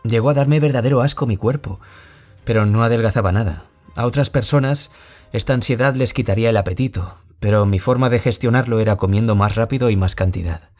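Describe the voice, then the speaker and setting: An actor voices a wounded young Spanish man, once a bullying victim, who anguishedly confides his story as the interviewee in a scripted audio-drama monologue, speaking with a Spain Spanish accent. His natural, mid-range voice is fairly quick and a little mellow, with soft music playing behind him.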